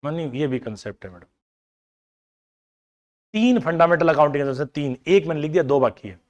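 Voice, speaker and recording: A man teaches an accounting class lecture, explaining with everyday household examples, mixing in English terms, and coaxing students to remember answers. His voice is fairly high, expressive, and a little fast.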